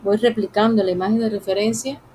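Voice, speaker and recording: A woman narrates a live drawing class at an easy pace, speaking directly to her viewers. Her voice sits in an ordinary middle pitch and often drops quietly as she concentrates. A faint hiss of room noise sits behind her. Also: steady tone, low-quality recording. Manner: soft, unhurried, talks while drawing. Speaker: drawing teacher. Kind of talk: live-streamed drawing lesson.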